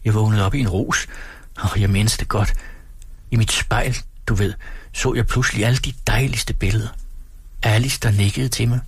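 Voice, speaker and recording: A man reading the part of a grave, dreamy middle-aged mother who speaks softly and as if far away, in an audiobook. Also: fairly low pitch, steady tone, creaky, slightly rough, no room sound. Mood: brooding. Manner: soft, brooding, faraway.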